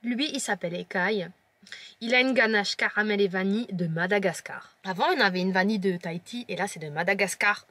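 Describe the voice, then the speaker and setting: There's no room sound as a woman with a Lorraine French accent talks a little fast in a medium-pitched voice with a fairly bright tone. She's a vlogger tasting and describing chocolates to camera, chatty, playful and teasing viewers.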